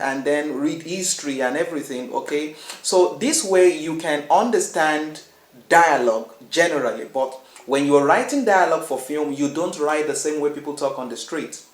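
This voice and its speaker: A man's voice: on the high side, a bit bright, slight background noise, rough recording. A man teaching screenwriting in a casual, rambling way, often checking in with his listeners and restarting his phrases. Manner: repeats "you understand?" often, restarts phrases. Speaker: film writing instructor. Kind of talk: casual instructional talk.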